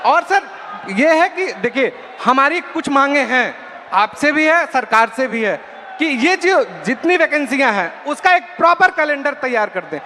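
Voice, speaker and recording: A man's voice: extremely high pitch, sing-song, unhurried, sharp tone. A young man, a student job aspirant, giving earnest public testimony in an emphatic, raised and respectful voice. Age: young adult. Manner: emphatic, raised voice, deferential address. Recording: noisy hall with long echo.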